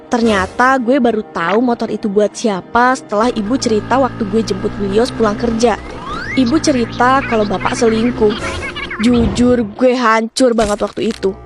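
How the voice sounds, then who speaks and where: A woman's voice: a little high, fairly even intonation, normal speed, music in the background. A young adult woman from Indonesia with speech, telling a personal story casually in the first person.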